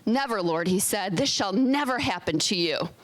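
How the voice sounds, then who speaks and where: A woman's voice: medium pitch, animated, normal speed, rough recording. A woman teaching a Bible study in a casual, chatty way, full of fillers and self-corrections, reading scripture aloud between her remarks. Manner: reads scripture passages aloud.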